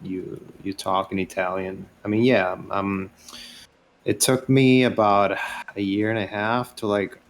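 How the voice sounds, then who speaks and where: A man's voice: lowish voice, fairly even intonation, unhurried. A man in casual chat, easygoing and agreeable, with many fillers. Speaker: guest.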